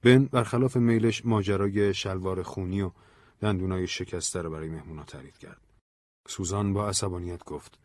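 A man's voice: low-pitched, no echo. A man narrating an audiobook story expressively into a close mic. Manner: expressive, varied.

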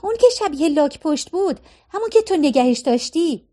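A woman's voice: high voice, lively intonation, warm tone, pitched above the performer's own voice. A woman voicing a young woman who keeps asking, in an accusing tone, for something she lost. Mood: insistent. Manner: insistent, accusing questions. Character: young woman, annoyed, demanding her lost box.

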